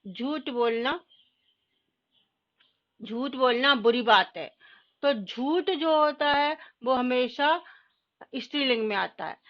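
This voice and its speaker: A woman's voice: high-pitched, muffled recording. Woman teacher explaining word lists. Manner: explains by asking and answering her own questions. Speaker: school Hindi teacher. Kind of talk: grammar lesson, reading out word lists.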